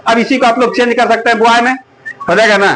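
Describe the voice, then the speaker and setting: Talking fast in an extremely high, somewhat bright voice with fairly even intonation, a man teaches a math lesson to a class. The recording is rough, and he keeps coaxingly checking whether the students understand.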